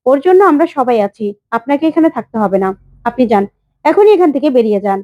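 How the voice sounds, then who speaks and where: A woman voicing a defiant young woman who scolds her elders in sharp retorts, in a retold serial story. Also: high-pitched, sing-song, fast talker, no echo, lo-fi sound.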